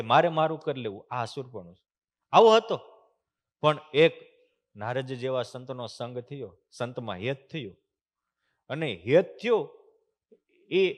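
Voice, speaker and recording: A man giving a temple sermon. He tells devotional stories, chants verses, and moves between loud emphasis and soft hushed passages. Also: on the high side. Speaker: swami giving a discourse. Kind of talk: sermon with storytelling. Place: temple hall.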